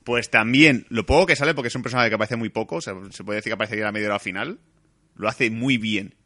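A man from rattling through a film review at high speed. His voice is bright and forward. He is animated, swears and jumps into acting out scenes. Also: rapid-fire. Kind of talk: casual chat.

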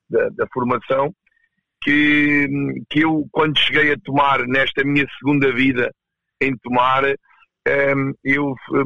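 A man with a European Portuguese accent answering as a coach in a casual interview, halting and repeating words as he goes. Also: medium pitch, creaky, no echo, highs cut off. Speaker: roller hockey coach, interview guest.

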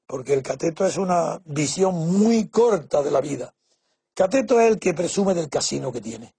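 Man, high gravelly voice, very raspy; reflective, opinionated explainer, hesitant fillers, dry close sound. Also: dark tone, no room sound. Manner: measured, pausing with frequent "eh" and restarts. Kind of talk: reflective spoken essay.

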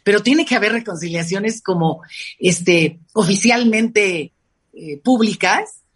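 A woman with a Mexican accent, a guest expert talking about family life in an animated, expressive way. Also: medium pitch, slow, breathy edge. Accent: Mexican Spanish. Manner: animated, acts out quoted parents in lively voices. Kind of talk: conversational interview.

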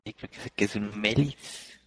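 A man chatting on a casual podcast, speaking in a halting, hesitant way. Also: lowish voice, dry recording. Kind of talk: casual chat.

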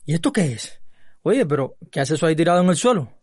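A man's voice: on the high side, big pitch swings, fast, dry recording, clean studio sound. A man voicing a cheeky, scheming boyfriend with a Cuban accent, coaxing and full of endearments. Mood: alarmed.

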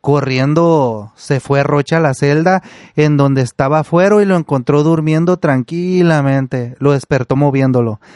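Man, storytelling then casual commentary, indignant, somewhat high voice, dry close sound. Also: a little slow, a little mellow, dry recording.

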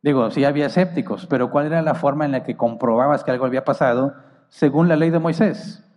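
A man's voice: mid-range voice, fast talker, a little mellow, long reverb tail. A man preaching a Bible teaching sermon who explains passages, reads commentaries aloud and asks his listeners rhetorical questions.

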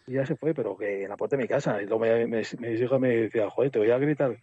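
A man's voice: medium pitch, fast, slightly rough, no room sound. A man with a Spanish accent telling rambling street anecdotes in casual chat, with restarts and swearing. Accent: Spain Spanish. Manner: rambling, animated storytelling with many restarts and swearing. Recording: slightly muffled dry recording.

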